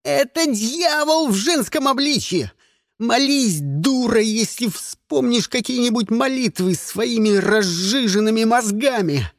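A man's voice: very high voice, lively intonation, measured pace, dry recording, studio quality, pitched above the performer's own voice, full character voice. A man voicing a frantic, bullied teenage boy who screams with a cracking voice, in an audiobook. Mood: raging.

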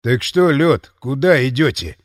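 A surly young drunk slurs and sneers his way through each line, as a man reading an audiobook puts him on. Words come slow and heavy, recorded dry and close. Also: medium pitch, expressive, no room sound, natural voice. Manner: slurred, sluggish, sneering.

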